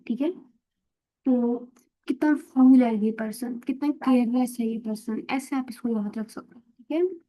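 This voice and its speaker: Hindi-Urdu woman tutor, mellow and higher. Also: rough recording. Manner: explains patiently, checks in with frequent "theek hai?"; mixes English phrases into Hindi-Urdu talk. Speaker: English vocabulary tutor. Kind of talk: casual explanatory lesson.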